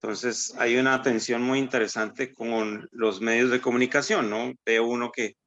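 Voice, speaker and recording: A man's voice: medium pitch, fairly even intonation, moderate pace, fairly bright tone, highs cut off. A man from Colombia with a Colombian accent, speaking as a university academic in a conversational panel, thoughtful and hesitant, often ending with "¿no?". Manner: thoughtful, hesitant, many "¿no?" tags.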